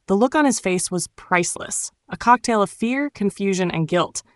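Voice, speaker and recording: A woman narrating a dramatic first-person storytime tale in a cool, wry, sharp-tongued way. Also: medium pitch, animated, normal speed, no room sound.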